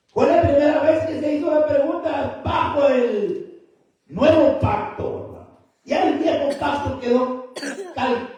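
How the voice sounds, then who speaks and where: A man with a strikingly high yet mellow voice preaches an emphatic sermon, turning again and again to his listeners as brother. He is recorded from a distance in a very echoey church hall. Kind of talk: Spanish-language church sermon. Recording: very echoey hall, mic far off.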